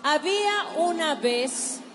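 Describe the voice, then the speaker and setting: Preaching testimony and prayer at a youth event, this woman from Paraguay speaks in an expressive, high voice, emphatically directing the live crowd. She slows down for dramatic effect, and the recording carries a large hall's long reverb with music clearly audible behind her.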